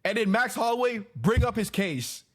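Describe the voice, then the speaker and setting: A man riffs on a podcast, rambling and animated, stacking fillers as he talks. His voice sits a little high. The feel is loose and casual. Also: moderate pace. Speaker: podcast co-host. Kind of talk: casual chat.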